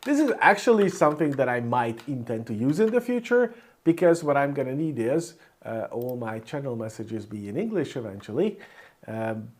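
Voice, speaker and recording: In an informal screencast programming tutorial, a Hungarian-native man with a medium-pitched, very animated voice thinks aloud at a moderate pace as he types. Keyboard typing and mouse clicks are clearly audible in the background.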